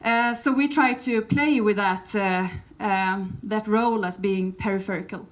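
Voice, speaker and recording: A conference speaker from Sweden, a woman with a Swedish accent, presents in English in a medium-pitched voice at a slightly slow pace. She comes across as hesitant, using lots of fillers and restarts, with some light humour.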